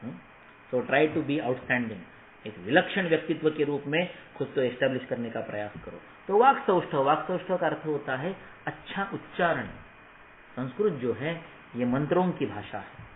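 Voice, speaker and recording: A man's voice: mid-range voice, lively intonation, moderate pace, roomy sound, narrow, tinny audio, slight background noise. A man teaching Ayurveda students in an emphatic motivational lecture, often asking the class rhetorical questions. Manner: emphatic, rhetorical questions, mixes English phrases.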